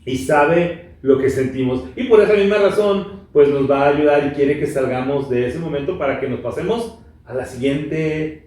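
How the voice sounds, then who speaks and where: A man, co-hosting a Bible reflection talk show, who reads scripture and acts out the quoted lines with lively energy. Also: a little high, moderate pace. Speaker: co-host reading scripture. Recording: very echoey room, far from the mic.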